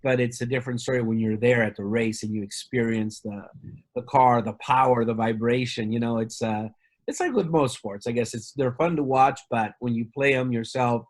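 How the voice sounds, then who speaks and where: A man's voice: mid-range voice, moderate pace. A man from Argentina, a company representative, talking casually in an interview with many fillers and restarts.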